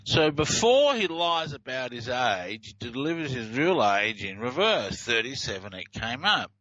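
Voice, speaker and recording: A man's voice: mid-range voice, sing-song, unhurried, a bit bright, muffled recording, slight background noise. A man with an Australian accent hosting a talk show, explaining audio clips in a hesitant way with many fillers and restarts. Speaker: host.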